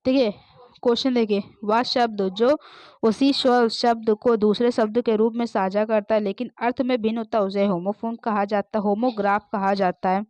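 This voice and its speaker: A woman teacher going through multiple-choice exam questions, reading English sentences slowly and explaining answers. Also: on the high side, steady tone, darkish tone, no echo. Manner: frequent "ok, next dekhiye" refrains. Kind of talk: exam-prep lesson, reading MCQ options and answers. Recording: dull, dry, lo-fi sound.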